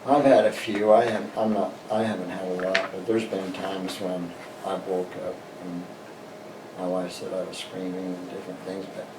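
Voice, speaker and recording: An older American man, a veteran, remembering his past in an interview in a halting, plain-spoken way. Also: low voice, flat delivery. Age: older, 60s or above. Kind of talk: personal reminiscence in an interview. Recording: roomy, distant mic, noisy background.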